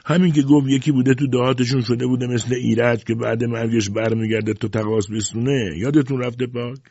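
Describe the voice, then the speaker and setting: A man voicing a boastful, meddling middle-aged village man who talks loudly and excitedly. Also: medium pitch, vocal fry, dry recording, voice pushed up. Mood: excited, pushy. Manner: loud, excitable, self-assured. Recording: dull lo-fi recording.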